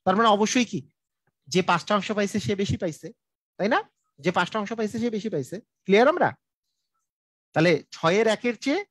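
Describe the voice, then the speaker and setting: A man's voice: high voice, fairly bright tone, no room sound. A man teaching math in a live online lesson, repeating each point and checking in with his viewers in a colloquial way. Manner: repetitive, drilling explanations with frequent check-ins; colloquial, speaks directly to viewers.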